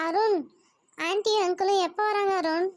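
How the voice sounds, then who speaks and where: Woman doing a lovestruck young cartoon woman, very high girlish voice, coy, teasing, dry sound. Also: fairly even intonation, moderate pace, no room sound. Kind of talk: cartoon voice acting.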